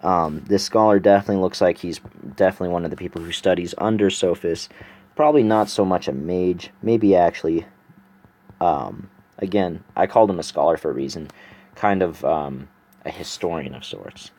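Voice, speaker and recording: This storyteller and artist has a notably low, darkish voice and speaks at a normal speed. He sketches while casually narrating a fantasy tale for viewers, so he wanders, restarts and thinks aloud with plenty of fillers rather than performing.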